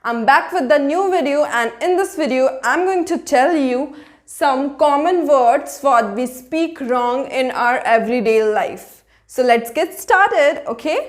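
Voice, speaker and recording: Indian woman, pronunciation teacher, high voice, slow drills, casual Hindi-English lesson. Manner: repeats words slowly and drills them. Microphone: writes on a board while talking.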